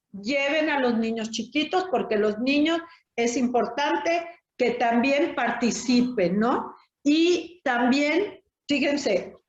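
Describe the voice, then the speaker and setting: High-voiced Mexican woman in an echoey room. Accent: Mexican Spanish. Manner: earnest, explaining, ends points with tag questions. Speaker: thanatologist. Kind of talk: interview answers. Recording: roomy, dull lo-fi sound.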